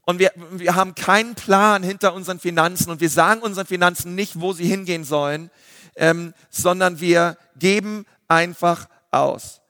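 A man, a pastor giving a lively sermon full of fillers. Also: high voice, moderate pace, dry recording, studio quality, long reverb tail. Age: 30s. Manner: lively preaching with filler words.

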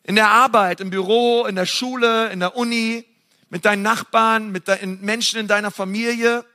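A man preaching a sermon, passionate and emphatic, talking straight to his listeners in a casual way and swinging between loud and soft. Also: sits high, fairly even intonation, moderate pace. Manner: casual, direct address to the audience.

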